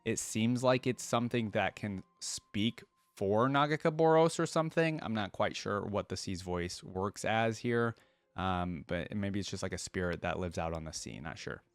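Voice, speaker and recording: The host of a reaction channel chats informally to his viewers in casual, conversational commentary. His fairly low, resonant voice comes through clearly at normal speed on a close mic with no echo.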